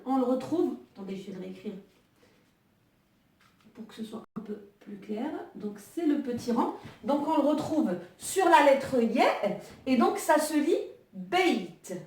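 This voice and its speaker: A woman's voice: on the high side, dark tone. A woman teaching an online Arabic lesson, explaining patiently with many fillers and restarts while she writes. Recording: echoey room, voice from a distance.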